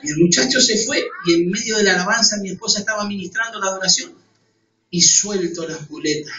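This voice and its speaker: A man's voice: high-pitched, fairly quick, recorded from a distance, a little hiss or hum. Fervent man preaching in an echoey hall. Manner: fervent, shouting, repeating chant-like calls. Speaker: apostle preaching. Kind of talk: sermon with testimony and prayer. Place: church meeting hall. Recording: echoey hall from afar with loud ambience.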